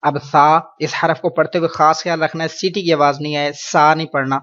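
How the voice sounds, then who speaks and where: Patient man teaching syllables slowly. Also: a little high, little pitch movement, a bit bright, dull audio. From Pakistan. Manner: slow drawn-out syllables for repetition; patient explaining, mixing in English words. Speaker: Quran reading teacher. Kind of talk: online lesson.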